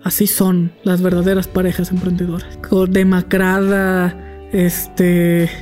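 A man with a Mexican accent, tired after a long day, tells a business story in a casual, animated, profane way. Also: high voice, slow, soft background music. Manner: animated, profane, dramatic retelling. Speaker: podcast host telling a business story.

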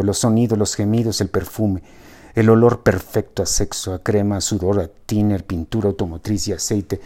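A man reading a novel aloud as narrator, in an expressive, wry storytelling manner. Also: lowish voice.

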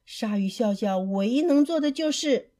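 A woman reads children's stories aloud in a slow, expressive storybook manner. Her voice is mellow and slightly high. She lets her pitch rise and fall freely. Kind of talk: reading children's picture books aloud.

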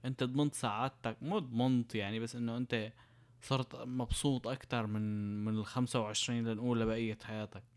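A man's voice: mid-range voice, fairly even intonation, fast talker. A young man with a Syrian Arabic accent chatting casually, explaining his points through everyday examples and rhetorical questions. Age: young adult. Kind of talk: casual chat.

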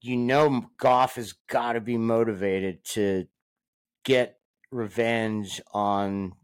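A man's voice: on the low side, steady tone, slow pace, smooth, no room sound. A man co-hosting a sports podcast, chatting casually and joking with friends, laughing often. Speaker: podcast co-host.

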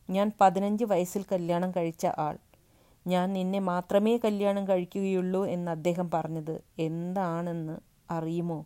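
A fearful, pleading wife in her late forties, as a woman reading a story puts her on, her voice pitched up and pushed louder than the narration. She speaks in an anxious, urgent way that tips into shouts. The tone stays low and mellow underneath. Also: natural voice. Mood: furious. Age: 40s. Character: anxious 48-year-old wife, fearful, then furious.

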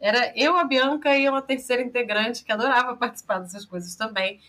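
A woman's voice: fairly high pitch, fast, faint music behind. A woman with a Brazilian Portuguese accent, a podcast guest telling workplace stories in casual chat with frequent laughter. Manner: animated storytelling with frequent laughter.

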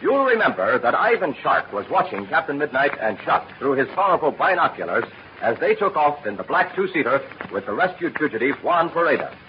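A man's voice: fairly high pitch, big pitch swings, fairly quick. A man announcing and narrating a scripted 1940s radio serial with emphatic, theatrical enunciation. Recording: muffled old radio recording, faint noise.

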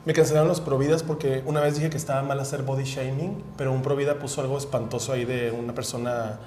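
A man, a comedian guest, telling stories in a fast, profane, animated way during casual podcast chat. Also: medium pitch, a little hiss or hum. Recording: echoey room with faint ambience.

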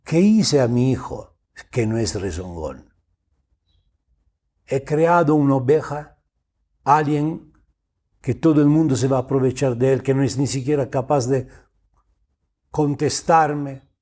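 Husky, slow-talking man giving blunt advice. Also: medium pitch, darkish tone. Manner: blunt and informal, with slang and swearing; reads out the listener's words and then comments. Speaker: advice show host. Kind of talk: casual advice talk answering a listener's message.

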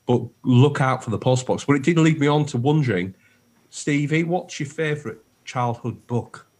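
A man's voice: mid-range voice, moderate pace, darkish tone. A man co-hosting a radio show, chatting casually and enthusiastically. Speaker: radio co-host.

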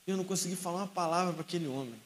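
A man's voice: sits high, racing. A young male youth pastor with a Rio de Janeiro accent, telling a personal story in a sermon and acting out the dialogue. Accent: Rio de Janeiro Portuguese.

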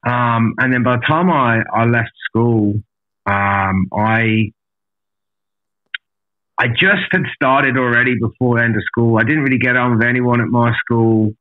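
Speaking unhurriedly at medium pitch, this podcast guest candidly and casually relates his life story. He's a blunt, foul-mouthed man from an island beyond Australia, heard on a tinny connection.

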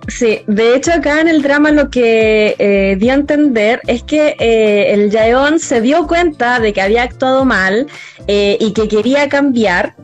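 A young Chilean woman with a high voice, chatting casually as she explains how a story ends. She pauses and hesitates often as she gathers her thoughts. Faint music runs behind her. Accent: Chilean Spanish. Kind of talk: casual chat recapping a story.

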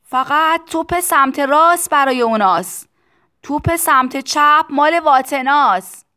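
A blustering male factory boss in a storybook, shouting loudly over clanging machines. He booms with pride, as a woman puts him on in a raised voice. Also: animated. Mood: proud shouting. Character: adult male factory manager, blustering and proud.

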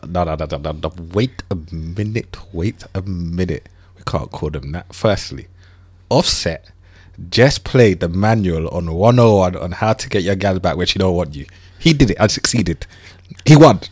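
A man in his thirties co-hosts a podcast, bantering casually and playfully in London roadman slang. His voice sits low and a little mellow, expressive, at a moderate pace, with no echo.

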